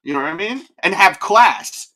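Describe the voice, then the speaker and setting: A man with a high voice talks in loose, casual chat. His tone is bright and forceful. He rambles, restarts his sentences and keeps checking in with his listener. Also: animated, normal speed. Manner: rambling, keeps asking "you know what I mean".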